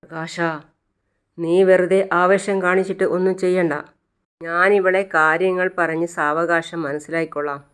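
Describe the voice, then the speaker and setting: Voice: medium pitch, level tone, unhurried, a bit bright, clear, resonant tone, close to an everyday voice. A narrator voicing a worried older mother who pleads with her son, in a retold TV serial. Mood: pleading.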